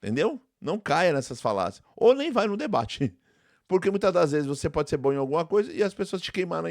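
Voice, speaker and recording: A Brazilian theology professor who hosts a channel leads a conversational reaction commentary, repeating his points and speaking straight to viewers. He has a Brazilian Portuguese accent and a fairly high voice. The recording is dry and studio-quality.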